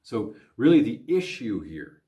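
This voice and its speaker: Low-voiced pastor teaching a Bible lesson. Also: male voice, sing-song, a little slow, warm tone, highs cut off. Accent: Midwestern American. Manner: thinking aloud with many fillers and restarts. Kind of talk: recorded video Bible lesson.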